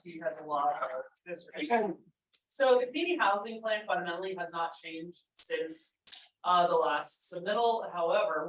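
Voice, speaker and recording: Town planner presenting from far off. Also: female voice, fairly low pitch. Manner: measured, with frequent ums. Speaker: town planning staff member. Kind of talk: presenting at a public meeting. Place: town meeting room. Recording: roomy, distant from the mic.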